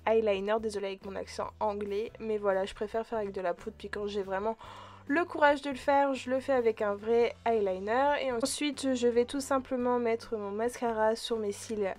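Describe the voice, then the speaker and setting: Chatty woman with a higher voice. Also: normal speed. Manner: chatty, relaxed, frequent hesitations; addresses viewers directly as friends. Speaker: beauty vlogger. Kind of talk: casual makeup tutorial narration.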